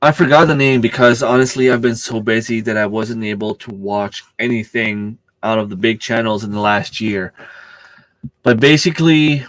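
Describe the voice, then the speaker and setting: A man hosting a casual stream speaks French as his first language; his fairly low, slightly bright voice holds a steady tone at normal speed. The low-quality recording has no echo. Hesitant, he searches for words, uses many fillers and restarts, and answers comments as they come.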